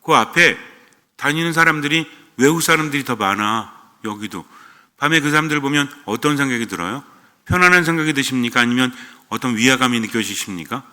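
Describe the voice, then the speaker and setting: Male priest, standard Seoul-style accent, very bright tone, conversational sermon, long church reverb. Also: medium pitch, animated, a little fast. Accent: standard Seoul-style Korean. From Gyeonggi Province, Korea. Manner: conversational, asks the congregation questions.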